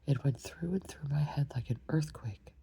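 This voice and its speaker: A woman's voice: low voice, normal speed, mellow, slight background noise. A woman voicing a fussy, faint-hearted old king in a whispered ASMR storybook reading. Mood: fretful. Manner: whispered, fretful.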